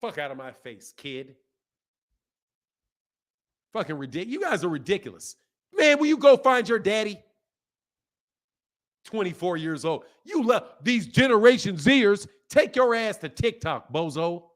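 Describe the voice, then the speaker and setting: A boxing channel host in his fifties argues heatedly with a caller live, scolding, insulting and repeating himself. His high voice swings widely in pitch, runs a little slow and stops often.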